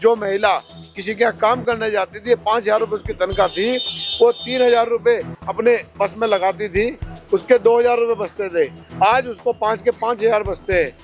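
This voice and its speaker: High-voiced man arguing politics. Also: fairly quick, soft background music. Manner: argumentative, rhetorical questions. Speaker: politician, candidate. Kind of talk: interview answers.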